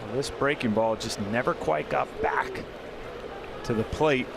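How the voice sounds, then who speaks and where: A man's voice: medium pitch, measured pace, gravelly, heavy background noise. An American man working as a baseball color analyst, explaining plays in conversational live commentary.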